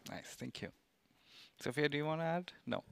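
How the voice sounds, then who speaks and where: A man moderating a panel discussion, handing questions to speakers in a relaxed way. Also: fairly high pitch, normal speed, creaky, clear, resonant tone.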